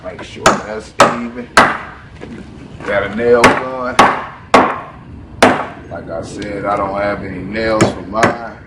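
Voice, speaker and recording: A man with a lowish voice talks viewers through a woodworking job in a loose, casual how-to style. He sounds set back from the camera mic. Loud outdoor noise and passing traffic fill the background. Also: slow, long pauses, far from the mic. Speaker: DIY video host.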